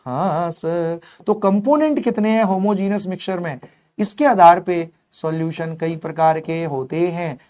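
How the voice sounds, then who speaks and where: Young guy teaching chem online, high voice, super animated, talks to students like his own kids, hindi with english words. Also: measured pace. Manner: mixes Hindi with English terms. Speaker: chemistry teacher. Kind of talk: online exam-prep lecture.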